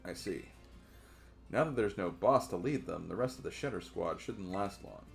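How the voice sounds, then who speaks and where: A man voicing a secretive commander who briefs an ally over the phone in a measured, businesslike way, reading game dialogue aloud. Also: low voice, lively intonation, vocal fry, soft background music. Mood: briefing.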